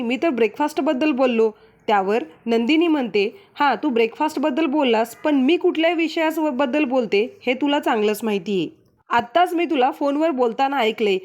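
A woman retelling a TV serial episode, reading every character's lines in her own voice with little change. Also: high-pitched. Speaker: storyteller recapping a TV serial episode.

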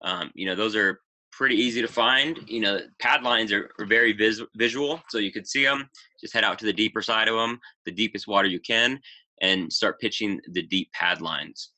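Low-voiced man giving a relaxed fishing webinar. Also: normal speed. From Pacific Northwest, United States. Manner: relaxed, many fillers like "you know" and "um". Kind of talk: casual instructional talk over slides.

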